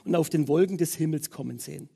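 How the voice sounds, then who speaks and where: A preacher doing a quiet, solemn teacher. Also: male voice, on the high side, fast talker, gravelly, slightly rough, voice pushed down. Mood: calm. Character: calm, solemn male spiritual teacher.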